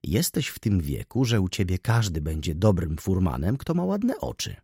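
Figure: sharp-tongued young widow voiced by a man. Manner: teasing, imperious, husky. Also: deep voice, wildly swooping pitch, moderate pace, dry recording, studio quality, full character voice. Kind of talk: audiobook character voice.

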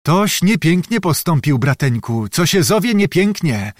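Pious knight, read by a man: soft reproach, higher animated voice. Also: unhurried, dry recording, studio quality. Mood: reproachful.

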